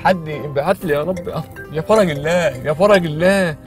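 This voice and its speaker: An Egyptian man hosting a hidden-camera prank as a taxi driver, pleading and swearing oaths in quick street banter inside a taxi. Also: on the high side, music in the background. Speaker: prank show host posing as a taxi driver.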